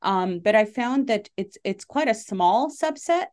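A woman's voice: a little high, expressive, unhurried, darkish tone. A middle-aged woman from Lebanon, a comedian, answering interview questions in an earnest, chatty way with many fillers and easy laughs. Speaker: comedian and show producer.

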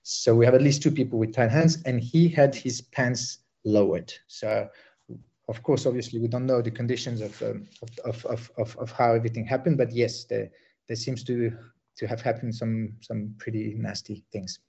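Bosnian-born male war correspondent, halting field report, dark voice over a dull line. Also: medium pitch, fairly even intonation, creaky, slightly rough. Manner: halting, many fillers and restarts.

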